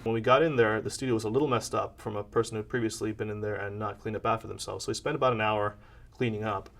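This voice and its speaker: A man in his twenties, a singer-songwriter talking casually in a documentary interview, slow and wry. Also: lowish voice, fairly even intonation, fairly bright tone, recorded from a distance. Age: 20s.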